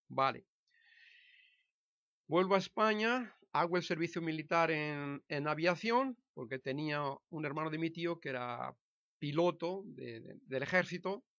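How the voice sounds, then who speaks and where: Pitched fairly high and a bit bright, this voice belongs to a hesitant Spanish vlogger in his sixties, who keeps restarting and self-correcting as he narrates his life in a casual talk to camera. There is no echo, but the highs are cut off.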